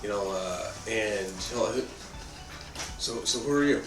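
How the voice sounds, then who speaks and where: Lowish-voiced male gamer, off-mic. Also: unhurried, distant mic. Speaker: player in tabletop game. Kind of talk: casual table talk. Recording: echoey, off-mic, music behind.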